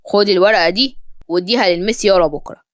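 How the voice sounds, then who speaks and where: A woman's voice: medium pitch, fast talker, no room sound, studio quality, pitched below the performer's own voice, lightly acted. A woman voicing a cold, arrogant wealthy father with an Egyptian accent, speaking scornfully. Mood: calm. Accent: Egyptian Arabic. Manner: scornful, mocking.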